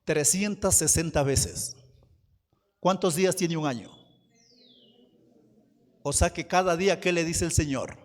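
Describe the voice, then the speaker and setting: Man, pastor, sermon, high pitch, unhurried emphatic delivery, echoing church hall. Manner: slow, emphatic preaching with rhetorical questions.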